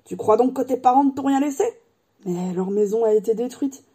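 Storybook giant, gruff and proud, a woman doing him higher than her own husky, mellow voice. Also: fairly quick. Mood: hearty. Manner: grumbling, blunt and hearty.

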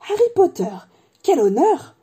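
A woman's voice: high voice, sing-song, a little slow, mellow, pitched above the performer's own voice, exaggerated voice. A woman doing an awestruck old barman. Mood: awed. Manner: breathless, awed exclamations. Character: old bald male barman, awestruck and emotional.

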